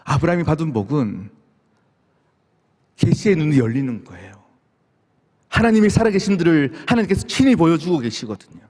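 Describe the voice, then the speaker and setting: A man's voice: fairly high pitch, very animated, brisk, long pauses, darkish tone. A man preaching as pastor at a dawn prayer service, acting out heartfelt questions to God in the first person. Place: church sanctuary. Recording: long hall reverb from the sanctuary.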